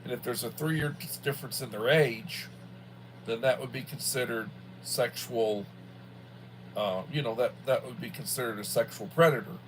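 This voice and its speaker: This livestream host, a school worker in his early sixties, chats casually and rambles without a script, his voice at a middling pitch. He hesitates in a folksy manner and often repeats phrases. The recording is rough, with a light hum in the background.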